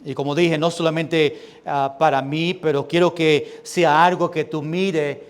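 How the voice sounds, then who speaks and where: A young man with a Puerto Rican Spanish accent preaching a sermon as pastor, reading scripture slowly and loudly and dropping to quieter asides. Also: fairly high pitch, steady tone. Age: young adult. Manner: reads scripture slowly and loudly, then drops to soft asides.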